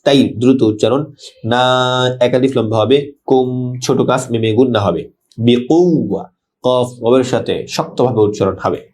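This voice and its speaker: A Bangladeshi man teaching tajweed. He recites verses slowly and drawn out, then explains each sound in quick plain speech. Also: medium pitch, darkish tone. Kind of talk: tajweed lesson, word-by-word explanation.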